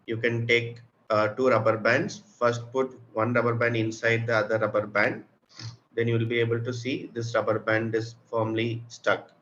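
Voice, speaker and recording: With an Indian accent, a man teaches children a craft step by step, explaining simply and patiently and checking that they keep up. His mid-range voice is flat and a bit bright at normal speed, recorded muffled with clearly audible room noise.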